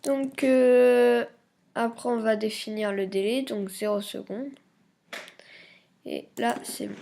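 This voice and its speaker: Slow, gravelly woman hesitantly explaining software. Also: fairly high pitch, fairly even intonation, a little hiss or hum. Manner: hesitant, many fillers and self-corrections, muttered asides. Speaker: YouTube tutorial maker. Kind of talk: screen-recording software tutorial.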